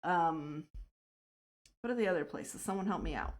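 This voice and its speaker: A woman's voice: fairly low pitch, lively intonation, slow pace, darkish tone. A woman hosting her own livestream, chatting casually while she plays, laughing often and answering her chat. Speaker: livestreamer and server host.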